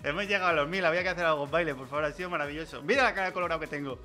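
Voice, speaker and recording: A man's voice: on the high side, rapid-fire, sharp tone, soft background music. A man chatting playfully on a livestream, joking and laughing often. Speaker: miniature painting streamer. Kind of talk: casual livestream chat.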